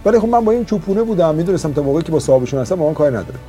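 A man giving a motivational talk as a self-help teacher, telling stories with emphatic, drawn-out stresses and quick bursts. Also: a little high, lively intonation, mellow, faint music behind. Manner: storytelling, emphatic, shifts between slow stresses and quick bursts.

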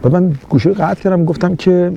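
A man's voice: high voice, vocal fry, mellow, highs cut off, a little hiss or hum. A man from Iran, living in Austria, giving immigration advice in a casual, rambling monologue full of hesitant fillers. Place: lives in Austria.

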